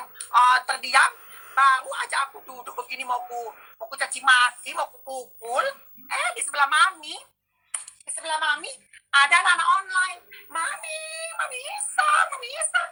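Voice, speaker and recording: High, sharp-voiced woman telling dramatic gossip. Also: normal speed, low-quality recording. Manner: loud, dramatic storytelling with mimicry. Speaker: social media personality. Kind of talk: casual gossip chat.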